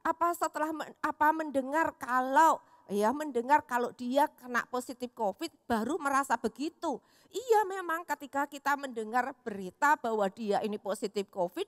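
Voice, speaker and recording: Woman pastor preaching, high voice, lively storytelling, dry close sound with a long church-hall reverb. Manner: animated storytelling, often addresses listeners as "saudaraku"; acts out quoted voices in her telling. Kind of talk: sermon.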